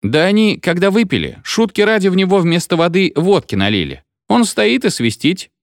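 A man's voice: sits high, very animated, normal speed, no echo, clean studio sound, pitched above the performer's own voice. A man doing a cheeky little barefoot boy. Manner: artless, cheeky. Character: small barefoot sly boy cherry seller. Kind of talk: audiobook character voice.

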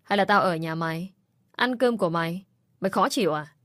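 A woman's voice: lowish voice, brisk, fairly bright tone, dry recording, close to an everyday voice. A woman voicing a bitter, nagging middle-aged mother-in-law who scolds and accuses, in a dry recording with faint music behind. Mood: scolding.

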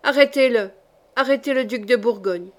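A woman voicing a furious medieval king in an audiobook, shouting and roaring. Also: on the high side, normal speed, natural voice. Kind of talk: audiobook reading.

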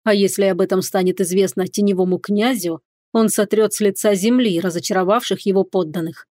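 A woman reading a fantasy audiobook in the first person, telling the story in a clear, even way. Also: medium pitch, a little fast, no echo, clean studio sound. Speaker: audiobook narrator.

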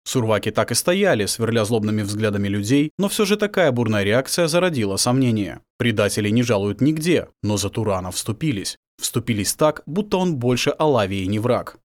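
A man narrating a fantasy audiobook with a dramatic, expressive reading. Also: fairly low pitch, brisk, few pauses.

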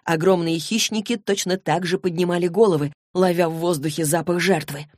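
A woman reads a fantasy novel aloud in an even, measured way. Her voice sits fairly low and sounds close and dry, with no room around it. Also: dry recording. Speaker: narrator. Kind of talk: audiobook narration.

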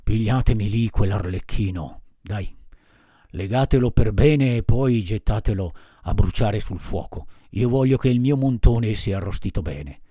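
A man voicing a gruff, blustering bearded puppet master with a raspy, rattling voice. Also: measured pace, warm tone, no echo, studio quality. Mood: commanding. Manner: blustering, booming and drawn out.

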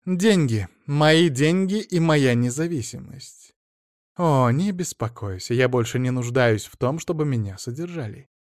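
A man's voice: mid-range voice, expressive, moderate pace, few pauses, dry recording, clean studio sound, close to an everyday voice. A man voicing a proud, fed-up divorced middle-aged woman who speaks firmly and sharply, in an audiobook. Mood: defiant. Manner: sharp, firm.

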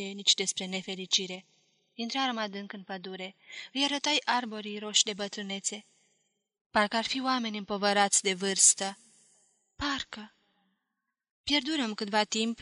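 A woman narrating a literary novel aloud in a slow, deliberate, expressive way. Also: medium pitch, no room sound. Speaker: audiobook reader.

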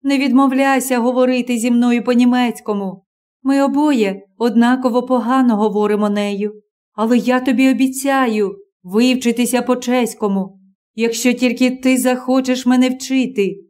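A woman reading the part of a gentle, patient young woman in an audiobook, calm and coaxing. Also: on the high side, moderate pace, natural voice.

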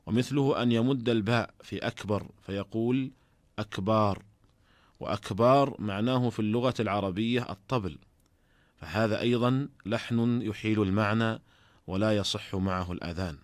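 Scholar guy teaching on radio, lowish voice, slow careful formal delivery, dry studio sound. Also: no room sound. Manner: measured, deliberate reading. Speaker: Islamic scholar teaching jurisprudence.

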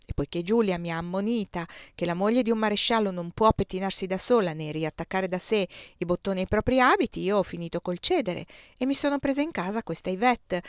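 A woman's voice: mid-range voice, no room sound. Woman reading a novel aloud, dry close sound. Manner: measured, expressive reading that voices each character. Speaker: audiobook reader. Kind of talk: literary audiobook narration.

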